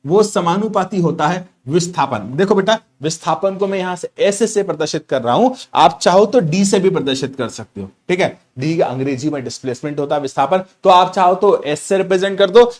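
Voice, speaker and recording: A middle-aged man teaching a physics class online, playful and repeating each key point to his students. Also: high voice.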